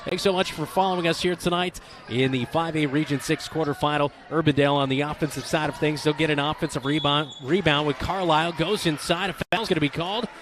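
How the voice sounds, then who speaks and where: Loud gym noise underlies this broadcast of a high school basketball game. The male play-by-play announcer calls the action briskly and excitedly, mixing in joking banter.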